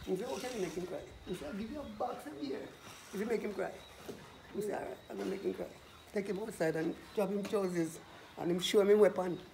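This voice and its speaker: A man's voice: sits high, fast, reverberant, background noise. A man with a Jamaican accent telling a joke to friends, acting out the characters' dialogue. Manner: animated storytelling, acts out dialogue.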